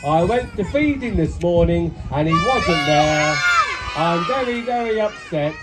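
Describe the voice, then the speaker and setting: Over a very noisy crowd outdoors, a man plays an excitable clown puppet with an English accent. He calls out to the children in teasing, exclamatory pantomime patter, as in a traditional seaside-style puppet show. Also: sits high, unhurried. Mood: upset. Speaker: Punch and Judy puppeteer.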